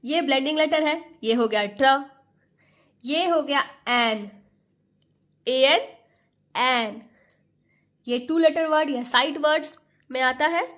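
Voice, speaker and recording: Slow, high-voiced woman tutor sounding letters. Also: a bit bright. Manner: sounds out letters slowly, one by one; patient, repeats each word. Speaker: English pronunciation tutor. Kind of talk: Hindi phonics lesson.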